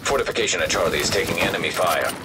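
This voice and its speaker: A robotic male AI game announcer with a synthetic filter and an extremely low voice. He delivers flat, clipped alerts at a brisk pace. Loud game noise sits behind him.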